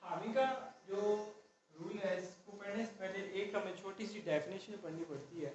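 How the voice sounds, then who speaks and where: A man's voice: high-pitched, fairly even intonation. A man teaching a shorthand class, explaining step by step and often checking in with the students. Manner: slow, explaining step by step, repeating "ठीक है" often. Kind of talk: classroom lesson. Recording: dull far-off echoey room recording with faint noise.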